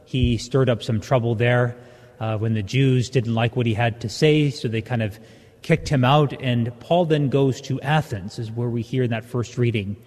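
Mellow priest preaching in cathedral-like echo. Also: male voice, mid-range voice. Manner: conversational, halting explanatory delivery. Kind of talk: Gospel reading and homily. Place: large reverberant church interior. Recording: echoey church with long cathedral-like reverb.

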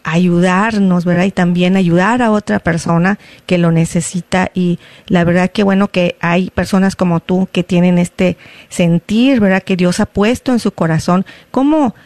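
A woman leading a prayer and then hosting a faith-based interview in a measured, devout way. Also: lowish voice, steady tone, a little mellow, no room sound.

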